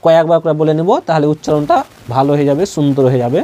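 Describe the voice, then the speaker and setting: Spelling out Arabic letters and reciting them in a stretched-out chant, a Bangladeshi-accented man teaches Quran reading, dropping in brief explanations along the way. His voice has a fairly high pitch and a mellow quality.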